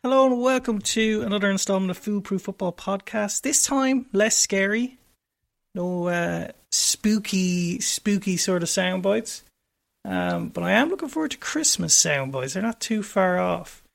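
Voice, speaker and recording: A man's voice: sits high, animated, gravelly. A man hosting a sports podcast in a jokey, rambling casual chat. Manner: jokey, rambling, quick intros. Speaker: podcast host.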